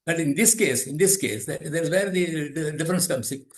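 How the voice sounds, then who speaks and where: Speaking as a guest, this yoga teacher and author in his 80s talks through philosophy thoughtfully, frequently starting over and repeating phrases. The voice is a little high and a little fast, with a reverberant sound.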